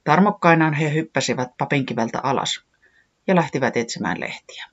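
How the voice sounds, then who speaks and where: A storyteller reading a children's story aloud in a gentle, measured way, in a dull lo-fi recording. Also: medium pitch, slightly rough.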